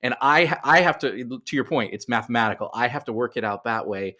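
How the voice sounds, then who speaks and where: A middle-aged writer, appearing as a podcast guest, talks casually in an interview, explaining things animatedly and often repeating words along the way. His mid-range voice is brisk and sharp-toned.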